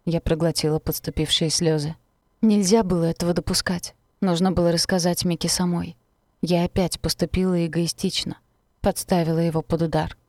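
A woman narrating a novel in the first person, in a measured, intimate way. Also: on the low side, steady tone, a little mellow, no echo, studio quality. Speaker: audiobook narrator.

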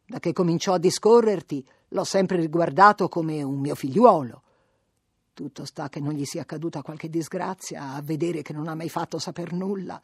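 A woman's voice: fairly low pitch, slightly rough, dry recording, studio quality. A woman reading the part of an older peasant mother, talking earnestly and at length in a pleading, rambling way.

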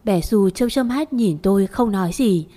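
A woman narrating a first-person story, gentle and coaxing when speaking to a child. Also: medium pitch, animated, normal speed.

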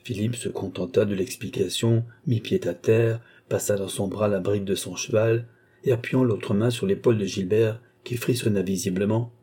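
Low husky audiobook narrator, a man. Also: fairly even intonation, moderate pace, dark tone. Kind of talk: scripted novel narration.

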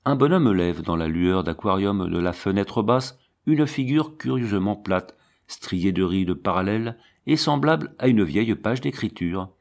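A man reading a classic novel aloud as an audiobook, in a measured narrating voice. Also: on the low side, animated, vocal fry. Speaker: audiobook reader.

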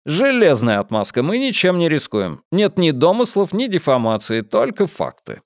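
A man reading an audiobook and voicing a corporate lawyer who speaks briskly and officiously. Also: on the high side, wildly swooping pitch, no room sound, studio quality, pitched above the performer's own voice. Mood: smug.

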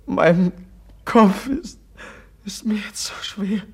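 An actor playing a gentle, ailing young prince in a 1950s radio play, mild but firm in manner. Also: male voice, high-pitched, expressive, slow pace, husky, full character voice. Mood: pained.

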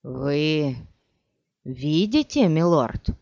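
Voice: medium pitch, slow, no room sound. A reader voicing a loyal, grizzled male desert warrior chief who speaks with anguish and pleading, in a dull, dry audiobook recording. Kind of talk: audiobook character reading.

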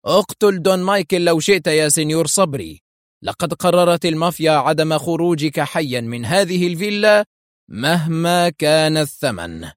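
A man voicing a scheming male mafia lieutenant who taunts, then shouts in alarm. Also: a little high, expressive, normal speed, no room sound, studio quality, pitched above the performer's own voice, natural voice. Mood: mocking. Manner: mocking, turns panicked and shouting.

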